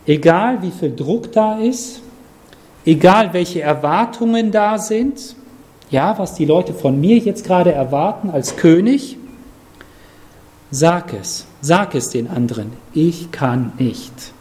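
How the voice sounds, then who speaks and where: A man preaching a sermon, speaking emphatically and directly to his listeners, moving between raised pitch and hushed low moments. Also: animated, takes it slowly.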